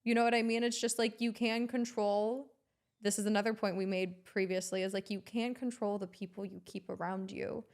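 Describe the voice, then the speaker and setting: A woman co-hosting a candid podcast conversation. She speaks emphatically and supportively as she talks things through, in an ordinary mid-pitched voice. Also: fairly even intonation, moderate pace, darkish tone. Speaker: podcast co-host.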